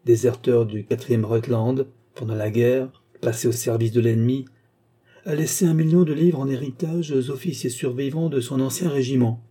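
Brief: male audiobook narrator, very dark mellow tone, measured and dramatic. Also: mid-range voice, husky. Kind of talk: audiobook narration of a mystery story.

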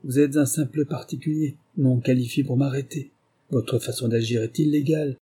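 A man reading aloud, voicing a furious captured male German spy, speaking slowly and bitterly. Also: fairly even intonation, warm tone, breathy edge, lightly acted. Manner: slow, low, deliberate and bitter.

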